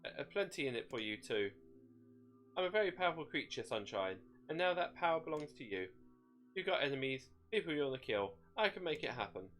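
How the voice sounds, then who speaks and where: Give it a cackling, bloodthirsty demon acted out by a man, pitched well above a plain voice. It wheedles and mocks in folksy slang, like a storybook villain, with music playing behind. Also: big pitch swings, a little fast, fairly bright tone. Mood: wheedling, gleeful. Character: gleeful bloodthirsty male demon shade possessing a woman. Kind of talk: dramatic storytelling character voice.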